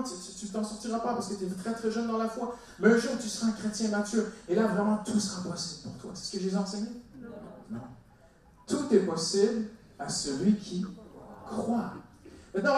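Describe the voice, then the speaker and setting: A man preaching a sermon to a congregation, talking to them directly and acting out the words he quotes. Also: a little fast. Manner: animated, dramatizes quotes with big pitch swings. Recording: echoey hall, mic from a distance.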